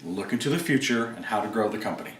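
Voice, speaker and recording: A man's voice: lowish voice, animated, fast. Man teaching business principles, echoey room. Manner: emphatic, rhetorical questions. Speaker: business coach. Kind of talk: instructional talk. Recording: roomy, distant mic.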